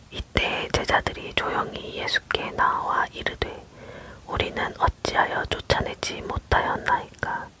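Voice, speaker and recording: Casting: ASMR reader for scripture, leaning in to whisper throughout, breath only with no voiced tone. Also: very high voice. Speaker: Bible reader.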